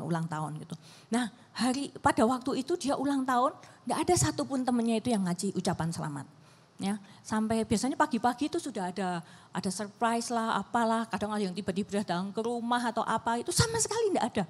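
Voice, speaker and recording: Husky middle-aged woman giving a chatty seminar talk. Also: mid-range voice, a little mellow, in a large hall. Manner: chatty, many fillers and self-corrections. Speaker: seminar speaker. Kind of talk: church family seminar talk. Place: church hall.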